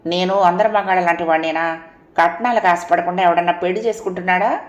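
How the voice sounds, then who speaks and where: A woman's voice: fairly low pitch, steady tone, fast talker, reverberant, lo-fi sound, close to an everyday voice. A woman voicing an impatient, dismissive young husband in an audio story, scoffing as he speaks. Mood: irritated.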